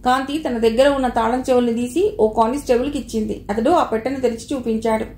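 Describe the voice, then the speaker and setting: A woman reads a novel aloud in a steady storytelling manner, voicing the dialogue lightly. Her voice sits a little high. The room around her gives it a noticeable echo. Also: fast, a little hiss or hum. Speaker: audiobook narrator. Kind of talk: scripted narration of a novel.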